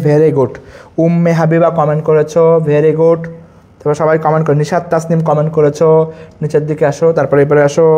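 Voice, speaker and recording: A man's voice: fairly high pitch, dark tone. A young man teaching a live online chemistry lesson, drilling facts over and over and reading out the names of students who comment. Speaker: chemistry tutor.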